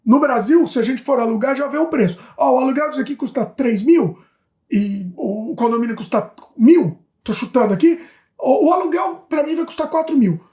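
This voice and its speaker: Casting note: woman from Brazil, co-host, higher pitch, chatty comment reader, roomy echo. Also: moderate pace. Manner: lively, reads comments aloud, chatty asides. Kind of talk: casual chat reading viewer comments. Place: home in Canada.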